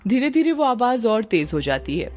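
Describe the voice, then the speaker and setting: A woman narrating a dramatic story in an even storytelling manner. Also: a little high, normal speed, soft background music.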